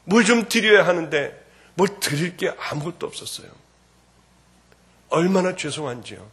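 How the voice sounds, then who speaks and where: Husky man giving fervent testimony. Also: fairly high pitch, animated, normal speed. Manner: fervent, swinging between hushed and loud. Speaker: church testimony speaker. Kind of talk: emotional spoken testimony.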